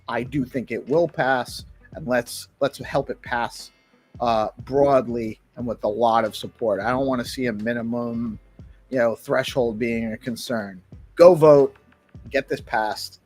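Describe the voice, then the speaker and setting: A man's voice: medium pitch, slightly rough. A man hosting a casual live community talk, emphatic and given to repeating his points. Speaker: talk show host.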